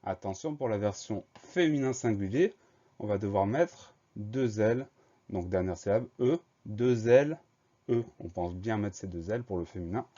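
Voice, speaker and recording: A man with a lowish voice teaches a spelling lesson, patiently walking through each rule. He spells words out slowly, letter by letter. The recording sounds dull and lo-fi. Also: mellow.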